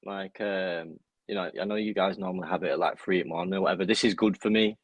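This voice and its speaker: A young man as a podcast guest, talking in a relaxed, friendly way. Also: sits low, quick pace, dry recording, dull audio. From United Kingdom. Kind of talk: casual interview chat.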